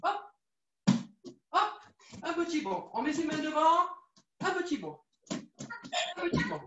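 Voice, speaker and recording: A woman leading a children's judo class, coaxing and repeating each instruction in a lively way. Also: very high-pitched, takes it slowly, dull audio, noisy background. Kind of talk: live online kids' class, story-led exercises. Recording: echoey room, far from the mic.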